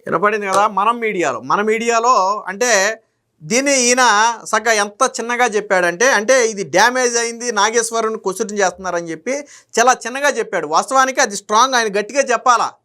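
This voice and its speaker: A man's voice: high voice, fairly quick, bright, forceful tone. A man giving a heated political monologue, combatively firing rhetorical questions at someone who isn't there. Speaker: political commentator.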